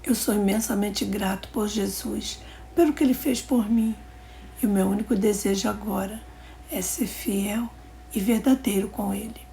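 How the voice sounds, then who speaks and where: Woman narrator, mellow and slightly gravelly, for a calm, measured religious testimony reading. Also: mid-range voice, slight background noise.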